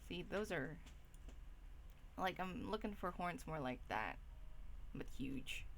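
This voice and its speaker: A woman artist chatting casually on a stream while she draws, thinking aloud in a relaxed way. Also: on the low side, slow, gravelly, a little hiss or hum. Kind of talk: casual chat while drawing.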